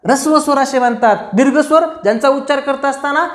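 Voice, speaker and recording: A man's voice: very high-pitched, fast talker. A male teacher giving a grammar lesson for exam students, repeating terms and asking the class questions. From Maharashtra, India. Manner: repetitive, drilling, questions to students.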